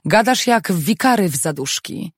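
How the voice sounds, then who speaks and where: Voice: medium pitch, expressive, moderate pace, husky, no room sound, clean studio sound. An audiobook reader voicing a blunt, teasing younger son. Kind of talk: audiobook dialogue.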